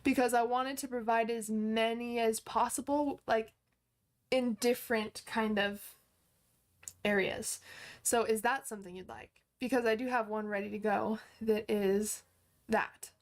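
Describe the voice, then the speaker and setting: A woman in her twenties, who teaches online courses, hosts a casual livestream and answers viewer comments. Her voice is a little high and steady, a little slow, and her upbeat chatter is full of fillers and restarts.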